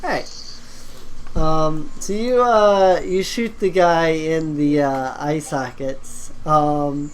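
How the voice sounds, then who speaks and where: A woman narrating a tabletop game as game master, hesitant, with many pauses. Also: deep voice. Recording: noisy home recording.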